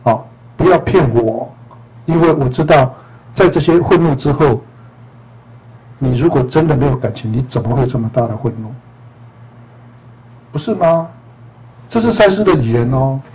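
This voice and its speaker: A man's voice: mid-range voice, lively intonation, moderate pace, pauses often, breathy edge, highs cut off. A man, a spiritual teacher and counselor, talking to a group in a playful, teasing way with frequent laughter. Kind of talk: joking talk to a group.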